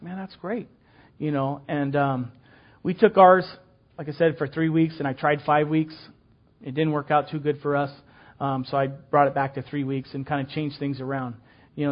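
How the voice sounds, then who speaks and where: An older man leads a class for church teachers, talking in a folksy, chatty way with plenty of "um"s and restarts. His voice sits a little high for a man, and the recording sounds dull and lo-fi. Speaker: children's ministry teacher. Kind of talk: casual teaching talk to a class.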